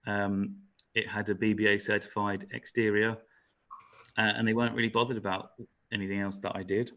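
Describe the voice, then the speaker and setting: A man presenting his own building work in a webinar, plain and practical, with frequent fillers. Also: fairly low pitch. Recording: dull lo-fi call audio.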